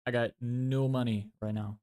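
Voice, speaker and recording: Originally from Lithuania, a man in his twenties chats casually on a livestream about building a business, answering viewer questions while thinking aloud. His medium-pitched voice is a little mellow, with fairly even intonation and a moderate pace. He fills pauses often and frequently corrects himself.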